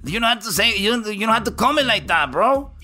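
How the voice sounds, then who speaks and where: A man voicing a calm, put-upon male bartender in a joke, mixing in English words. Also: sits high, normal speed, soft background music, full character voice. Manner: laid-back, mixes in English words.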